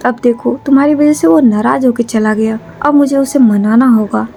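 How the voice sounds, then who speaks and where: A woman's voice: on the high side, moderate pace, creaky, mellow, slight background noise. A woman voicing a young man who pleads with and scolds those close to him, in a storybook reading. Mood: annoyed. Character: young man, apologetic, torn best friend.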